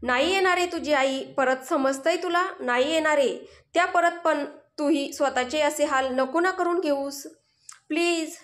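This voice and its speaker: A woman's voice: sits high, normal speed. A woman voicing a caring, protective young man who comforts and reassures in a story reading. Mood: urgent pleading. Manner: gentle, reassuring, sometimes urgent. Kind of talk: Marathi audio story dialogue.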